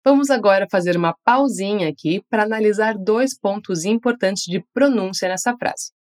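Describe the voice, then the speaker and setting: A woman with a Brazilian Portuguese accent teaching an English lesson, saying model phrases slowly for learners to repeat and praising them after each drill. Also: medium pitch, darkish tone.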